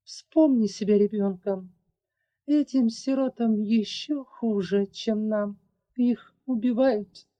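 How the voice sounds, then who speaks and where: A woman voicing a fierce young dragoness who defends orphans, accusing and high-strung. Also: slow, warm tone, muffled recording, close to an everyday voice. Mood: pleading. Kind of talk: audiobook character voice.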